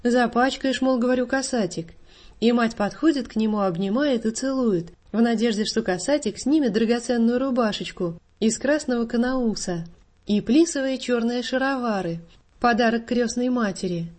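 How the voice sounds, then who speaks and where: Brief: a woman with a slightly high voice, reading a story aloud in a measured way. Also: a little mellow. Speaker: narrator.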